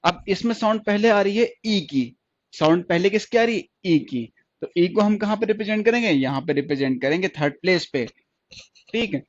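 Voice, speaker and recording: A man's voice: sits high, lively intonation, moderate pace, dry recording, highs cut off. A man teaching a stenography class online, repeating each point and asking questions he then answers himself. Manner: repetitive, asks questions and answers them himself.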